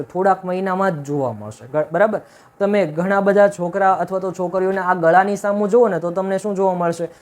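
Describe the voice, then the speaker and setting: A male teacher gives a classroom-style video lesson. He keeps asking questions and answering them himself, and often checks with "right?". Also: sits high. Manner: repetitive, emphatic, checks with "right?".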